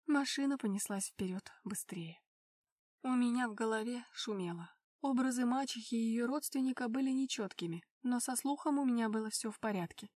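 A woman reading a first-person audiobook in an even, expressive manner. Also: fairly high pitch, brisk, no echo, distant mic. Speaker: narrator. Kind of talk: audiobook narration.

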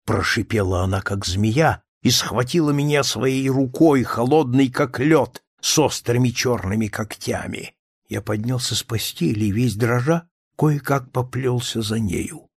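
Slow, dry-voiced male story narrator. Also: mid-range voice, creaky, breathy edge, no echo. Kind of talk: first-person storybook narration.

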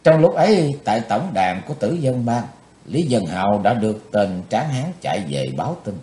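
A man's voice: medium pitch, very animated, normal speed, dark tone. A man narrating a martial-arts novel as an audiobook, telling it in a dramatic, varied way. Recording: roomy echo.

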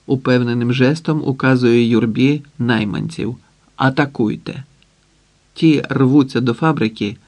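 A man narrating a novel as an audiobook in an even, measured way. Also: mid-range voice.

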